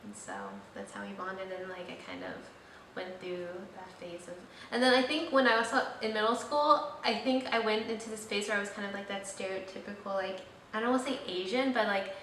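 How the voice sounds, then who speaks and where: Rambling along with lots of fillers, this young vlogger chats casually in a mid-range, fairly bright voice that moves a little fast. The sound carries room echo and faint noise, and the mic is slightly distant.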